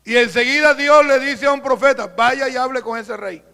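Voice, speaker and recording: A Colombian man preaching as a pastor, telling a story with acted-out dialogue and dropping to a hush for quoted voices. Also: very high voice, fairly even intonation, moderate pace, vocal fry, clear, resonant tone. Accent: Colombian Spanish. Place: church. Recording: live church recording, long hall reverb.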